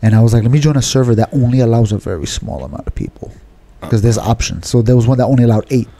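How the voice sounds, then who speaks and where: Mellow, laid-back man telling stories. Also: medium pitch, fast talker. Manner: relaxed, rambling storytelling. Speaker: podcast co-host. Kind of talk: casual chat. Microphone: podcast studio mic.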